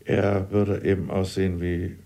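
A man voicing an excitable, fussy father, insistent and raising his voice. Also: deep voice, a little slow. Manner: insistent, fretful, raised voice.

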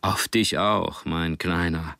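A man voicing a proud middle-aged father in an audiobook, speaking slowly and fondly. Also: low voice, steady tone, creaky, bright, forceful tone, no echo, clean studio sound, heavily acted. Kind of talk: audiobook character reading.

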